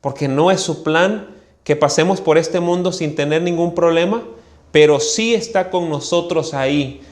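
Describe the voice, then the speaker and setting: A Mexican-accented pastor tells a personal story from the pulpit and acts out the voices in it. His voice sits on the higher side for a man. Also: moderate pace. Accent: Mexican Spanish. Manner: animated storyteller, acting out voices. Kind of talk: storytelling sermon.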